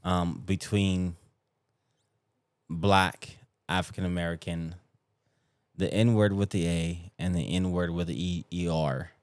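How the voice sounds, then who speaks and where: A man who is a podcast guest, talking casually with lots of restarts and sudden jumps in pitch when he gets worked up. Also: takes it slowly, long pauses, smooth, no room sound. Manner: hesitant, many fillers and restarts, jumps up in pitch when excited.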